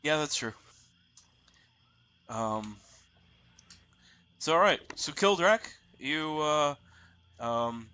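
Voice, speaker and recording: A man running a tabletop roleplaying game as game master, narrating haltingly and piecing sentences together. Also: fairly high pitch, expressive, pushed and bright, clean tone.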